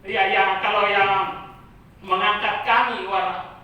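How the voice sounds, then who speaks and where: A man giving a classroom lecture as a religious instructor, animated and repeating phrases for emphasis. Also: high voice, slow pace, highs cut off. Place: training hall. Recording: roomy hall, voice from a distance.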